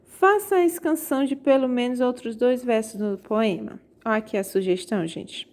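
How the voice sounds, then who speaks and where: Woman teacher going through poetry, slightly high voice, slow careful explaining, keeps checking everyone follows. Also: a little mellow. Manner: explains slowly, checks in with "tá certo?"; reads verses aloud slowly. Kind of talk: remote class lesson.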